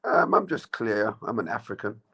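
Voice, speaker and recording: A man from Jamaica, giving measured, plain-spoken answers as an interview guest. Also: fairly low pitch, sing-song, gravelly, fairly bright tone, slightly rough, low-quality recording.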